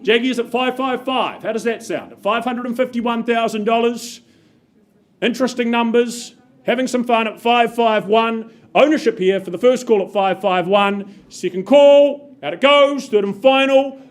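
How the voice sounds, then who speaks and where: A New man working as an auctioneer, calling bids in brisk, upbeat patter, his voice a little muffled by a face mask. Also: extremely high pitch, steady tone. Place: auction room.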